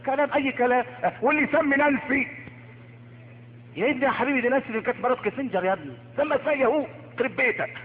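A man's voice: very high voice, racing, in a large hall, a little hiss or hum. A man preaching a sermon with an Egyptian accent, mocking and theatrical, putting on voices for the people he describes. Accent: Egyptian Arabic. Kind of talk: Friday sermon. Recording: tinny old cassette recording.

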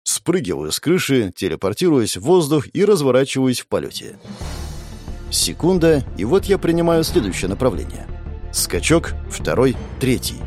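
A man reading a first-person fantasy novel aloud in an expressive, animated way at a close microphone. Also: mid-range voice, normal speed, faint music behind. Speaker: audiobook narrator.

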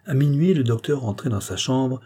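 A man narrating an audiobook in a measured, even reading. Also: medium pitch, husky.

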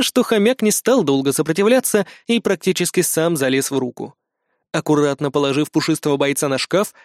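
An audiobook reader narrating in an even, storytelling delivery at a mid pitch. The voice is recorded close, with no room sound at all. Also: dry recording. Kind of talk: scripted narration.

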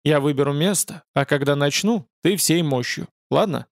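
Guy doing a sarcastic fallen angel, dry and bossy, kinda high pitched. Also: moderate pace, vocal fry, no echo. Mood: commanding. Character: male fallen angel, sardonic and commanding.

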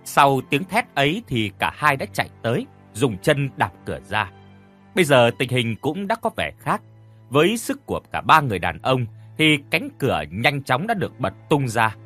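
A male storyteller narrates a horror tale in an expressive, dramatic way. His pitch moves lively up and down. Faint music plays underneath. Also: moderate pace.

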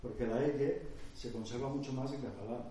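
Casting: male lecturer, mellow, relaxed and conversational, recorded from afar in a boomy hall. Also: fairly quick. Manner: conversational, explains with examples, thinks aloud. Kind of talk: conference talk with audience questions. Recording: echoey hall, distant mic, faint noise.

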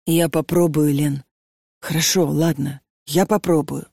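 A woman's voice: low-pitched, fairly even intonation, a little slow, creaky, dark tone, dry recording, studio quality, exaggerated voice. A woman reading an audiobook and voicing a sleepy, puzzled young female student who answers hesitantly. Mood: reluctant. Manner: hesitant, bewildered.

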